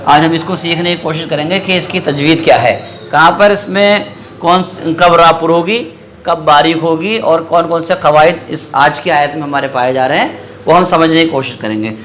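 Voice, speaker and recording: A man teaching Quran recitation to a class. He keeps quizzing the students, repeats their answers back, and slowly stretches out syllables when he demonstrates. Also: fairly high pitch, fairly bright tone, slight background noise. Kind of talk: classroom lesson with call-and-response.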